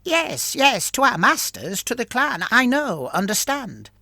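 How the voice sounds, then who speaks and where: A man's voice: very high-pitched, very animated, unhurried, vocal fry, bright, forceful tone, dry recording, studio quality, voice pushed up, exaggerated voice. A man voicing a curious male ratman soldier who asks questions in clipped, broken grammar. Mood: questioning.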